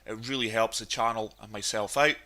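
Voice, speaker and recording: Despite a cold and a sniffly nose, a gaming channel host chats eagerly while commentating on golf gameplay. His voice is fairly low, bright and forceful, with a steady tone and a brisk pace.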